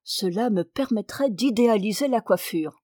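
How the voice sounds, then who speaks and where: A woman's voice: medium pitch, lively intonation, normal speed, warm tone, no echo, clean studio sound, lightly acted. A woman reading aloud, voicing a haughty, self-important male hairdresser who talks down to his clients. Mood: pompous. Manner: pompous, condescending. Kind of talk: audiobook character reading.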